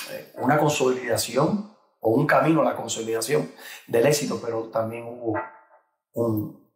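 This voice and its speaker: A middle-aged man with a Cuban accent tells his story in a relaxed interview. He hesitates often and restarts his phrases. The office around him adds a noticeable echo. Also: medium pitch. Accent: Cuban Spanish. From Cuba. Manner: hesitant, with many fillers and restarts. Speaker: guest, insurance trainer. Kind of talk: interview conversation.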